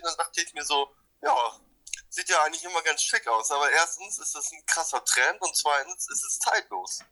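A man's voice: fairly high pitch, sharp tone. A man calling in on speakerphone as a spontaneous guest, joking around in loose, slangy casual chat. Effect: on speakerphone over a phone call.

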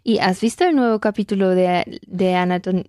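A woman's voice: medium pitch, moderate pace, darkish tone, dry recording, studio quality. A woman teaching German in Spanish, patiently repeating phrases and correcting her student. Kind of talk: language lesson in Spanish.

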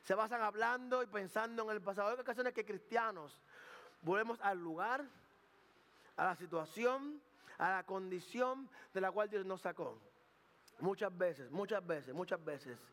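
A male pastor delivers a casual, humorous sermon with a notably high voice. He stammers, repeats himself and mixes in English phrases. The sound carries a long reverb, like a large church hall. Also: a little slow, a bit bright. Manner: conversational preaching with jokes and asides; slips in English words.

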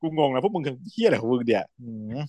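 Guy retelling a show to his cohost, super animated pitch, jumps into character lines, dry close sound. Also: fast talker, no echo. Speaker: podcast host recapping a series. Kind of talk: casual chat.

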